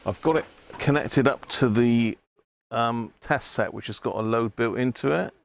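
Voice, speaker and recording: Speaking at a moderate pace in a creaky mid-range voice, a British man hosts a live repair stream. He chats casually, mostly to himself, as he works, often tagging questions onto what he says.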